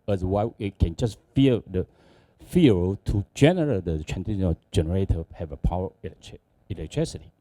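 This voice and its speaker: A man with a Taiwanese accent gives a conference presentation in halting, non-native English. His voice is low and soft-edged, with very animated intonation. The sound is dry and close. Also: no echo. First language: not English. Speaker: conference speaker, company executive.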